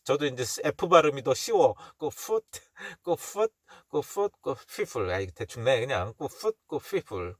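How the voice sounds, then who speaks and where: Korean man, casual pronunciation tutor, animated pitch, drills phrases slowly, dry close sound. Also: no room sound. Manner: repeats English phrases slowly, then explains quickly with soft laughs. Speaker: English teacher.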